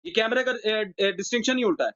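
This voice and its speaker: A man calling in to a debate over a video call, stubborn and repeating himself as he argues. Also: high-pitched. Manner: stubborn, keeps repeating "be quiet". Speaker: caller. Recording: dull lo-fi call audio.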